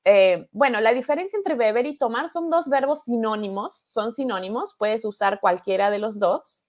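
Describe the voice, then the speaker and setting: A woman's voice: on the high side, normal speed, darkish tone. A woman from Argentina with an Argentine accent, teaching a live online Spanish class in a patient, encouraging way that keeps checking in with the viewers. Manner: patient, encouraging, repeats and asks "¿verdad?". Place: home studio, live stream.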